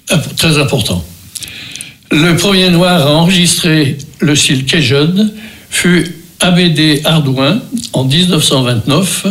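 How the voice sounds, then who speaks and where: An older man with a Beaujolais accent hosts a local radio music show. His voice sits a bit high, and he talks in a meandering way, stopping and starting again often. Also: a bit bright. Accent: French from Beaujolais. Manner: rambling, hesitant, many restarts and fillers. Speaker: radio host.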